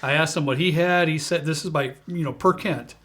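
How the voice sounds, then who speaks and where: Storytelling man, highish voice. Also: a bit bright. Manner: storytelling, emphatic, drawn-out phrases. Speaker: bourbon show host. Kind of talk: casual chat.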